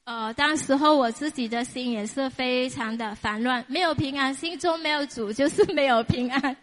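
A woman sharing a personal faith testimony, halting and emotional, with fillers, small nervous laughs and repeated words. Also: sits high, a little hiss or hum. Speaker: church member giving a testimony.

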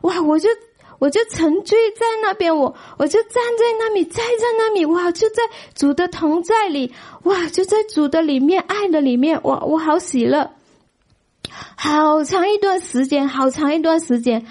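Woman sharing a church testimony, high voice, animated, exclaims a lot. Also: moderate pace. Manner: animated, exclaiming, many fillers. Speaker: church member giving testimony. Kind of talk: emotional personal testimony.

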